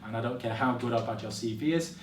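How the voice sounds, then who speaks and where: A man's voice: medium pitch, fast talker, far from the mic, noisy background. A young man giving an encouraging workshop talk to students, direct and upbeat. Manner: encouraging, direct, addresses audience as guys. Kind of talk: motivational presentation to students. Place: college classroom or hall. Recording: echoey room, voice off-mic.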